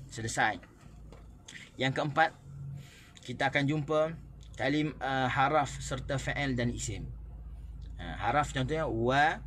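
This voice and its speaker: A man with a Malaysian Malay accent teaching Quran recitation. He explains in short phrases and then recites the examples slowly. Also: mid-range voice, noisy background.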